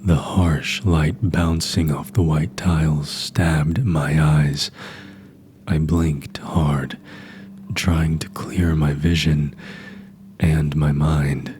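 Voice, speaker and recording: A man narrating a horror story in a hushed, breathy, half-whispered delivery. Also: very deep voice, level tone, very slow, slight background noise.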